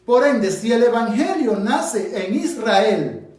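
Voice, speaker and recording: Heard distantly in an echoey room, this Dominican man's voice is extremely high with lively intonation, a slow pace and a darkish tone. Speaking with a Dominican Spanish accent, he runs an interactive Bible study, posing questions to the group and pressing his points with emphasis.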